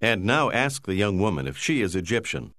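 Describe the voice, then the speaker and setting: A man narrating a language course, giving slow, clear, measured prompts. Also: on the low side, big pitch swings, a bit bright, no room sound, studio quality. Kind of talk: scripted instructional narration.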